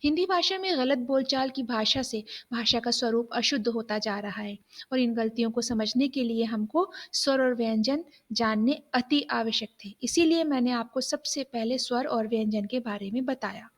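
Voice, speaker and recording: A young woman teaching a grammar lesson, slow and patient, talking straight to the children. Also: fairly high pitch. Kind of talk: classroom lesson explaining Hindi grammar.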